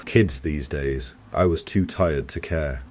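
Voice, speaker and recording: A man reading a scripted horror story in a slow, grave storytelling manner. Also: very deep voice, darkish tone, a little hiss or hum. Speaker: narrator.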